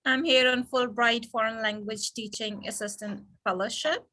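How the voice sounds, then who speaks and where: A woman's voice: a little high, steady tone, moderate pace, bright, forceful tone. A woman from Pakistan, a language teaching assistant, introducing herself politely.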